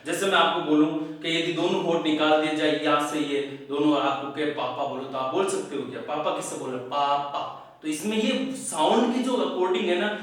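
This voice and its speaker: A man's voice: fairly high pitch, normal speed. Male Hindi teacher in an echoey room. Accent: Rajasthani Hindi. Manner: asks the class questions and answers them himself, calls students "बेटे". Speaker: English grammar teacher. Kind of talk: classroom lecture in Hindi with English terms. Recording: very echoey room, mic far off.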